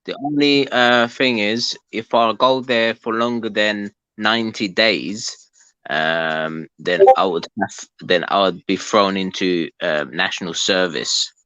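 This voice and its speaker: Man, low bright voice, dry close sound, hesitant casual chat on a call. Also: fairly even intonation, slow, clear, resonant tone, no echo, dull audio. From London, England. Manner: hesitant, many ums and restarts.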